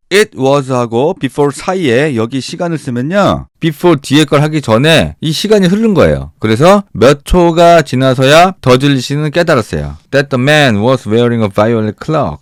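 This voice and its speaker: A man teaching English reading, slowly reading each English phrase and then explaining it in quick Korean, asking listeners questions and playfully acting out sounds and voices. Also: mid-range voice, no room sound, studio quality. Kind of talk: lesson explaining an English novel line by line.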